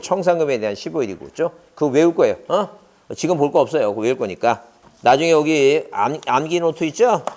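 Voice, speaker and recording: A middle-aged man giving an exam-prep lecture, constantly quizzing his students with rhetorical questions and drilling memory tricks. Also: medium pitch. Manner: mnemonic chanting, lively delivery.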